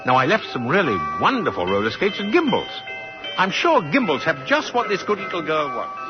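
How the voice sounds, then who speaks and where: An older man playing a kindly, jolly old department-store Santa in a 1940s radio drama, chuckling and gently insistent. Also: sits high, huge pitch swings, a little fast. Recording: muffled vintage 1940s radio broadcast, music behind.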